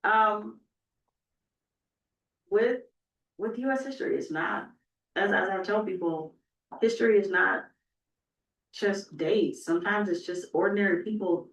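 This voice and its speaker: Speaking a little slowly with frequent pauses, this woman has a medium-pitched voice. She's an oral historian on a panel indoors, conversational and emphatic, checking in with "right?", recorded in an echoey room from a distant microphone.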